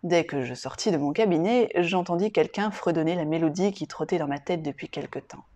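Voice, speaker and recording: A woman narrating a first-person short story in an even, quiet way, at times near a whisper. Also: lowish voice, a little fast.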